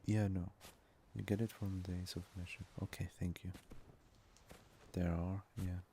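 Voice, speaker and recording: A man's voice: low voice, level tone, a little slow, warm tone, slight background noise. A man whose first language is Turkish, chatting casually with viewers while streaming a game and musing aloud.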